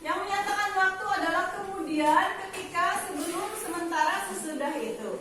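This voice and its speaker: Echoey, high-voiced woman teaching. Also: noisy background. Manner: animated, stresses key words slowly. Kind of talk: online class lesson. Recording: very echoey room, voice from far off.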